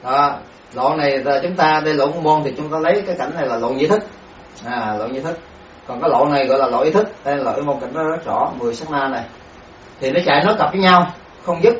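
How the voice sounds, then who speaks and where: A man, a Buddhist monk, giving a dharma lecture on Abhidhamma, speaking haltingly with many repeated words and sounding out syllables. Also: a little high, slight background noise. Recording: echoey room, distant mic, dull sound.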